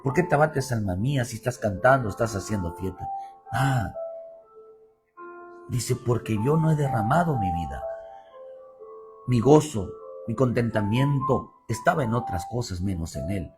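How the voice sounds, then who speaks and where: Male pastor with a Mexican Spanish accent, mid-pitched, repeats lines and builds emphasis, faint instrument under him. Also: animated, normal speed, pauses often, music in the background. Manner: preaching with repetition and rising emphasis, addressing "hermano". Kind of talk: sermon.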